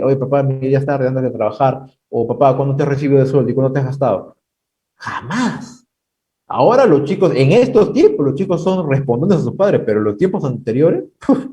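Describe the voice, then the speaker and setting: Male preacher, 30s, warm dark voice, heard from a distance, plays out the dialogue himself. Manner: acts out dialogue with God in high mocking voices. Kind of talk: sermon at a prayer night.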